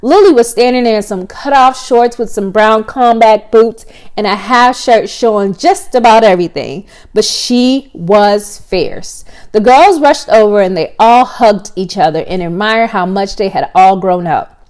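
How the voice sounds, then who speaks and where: A woman podcast host reading her own story aloud in a casual, expressive way. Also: medium pitch, unhurried.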